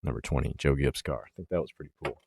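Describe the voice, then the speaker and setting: A man with a very low voice hosts a short-track racing show in casual talk. He gets fired up and punches his words, then drops to a mumble. The sound is dry and close. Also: fast, creaky, husky, no room sound. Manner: excited and emphatic, trails off quietly. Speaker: racing podcast host.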